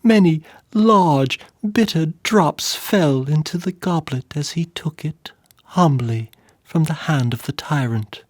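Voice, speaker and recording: Measured male storyteller, husky and slow. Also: a little high, no room sound, clean studio sound. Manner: measured, drops to whispers. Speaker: narrator. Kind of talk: dramatic story reading.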